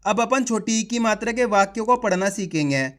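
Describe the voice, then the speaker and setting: A man's voice: sits high, lively intonation, brisk. A male reading teacher sounding out words syllable by syllable, then saying each whole word, and coaching viewers as friends. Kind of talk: spelling-out reading lesson.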